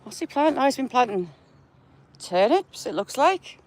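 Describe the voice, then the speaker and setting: A woman's voice: high voice, very animated, normal speed. A woman with a northern English accent, chatting to her viewers by name while walking outdoors in the countryside. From England. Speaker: vlogger. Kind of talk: casual live-chat walk vlog.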